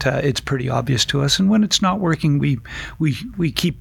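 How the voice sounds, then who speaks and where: A man's voice: on the high side, lively intonation, brisk, vocal fry, breathy edge, no room sound. An older man, a band singer, chatting in an interview in a rambling, self-deprecating way, with many restarts. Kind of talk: casual interview chat. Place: studio.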